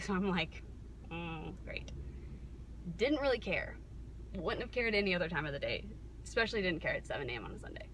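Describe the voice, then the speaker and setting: An American woman telling a casual, rambling story to camera, wryly interrupting herself and acting out bits of dialogue, recorded inside a car. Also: medium pitch. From Kansas, United States. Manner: wry, self-interrupting, acting out reported dialogue. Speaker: vlogger. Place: inside a car while driving. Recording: noisy car interior, steady background noise.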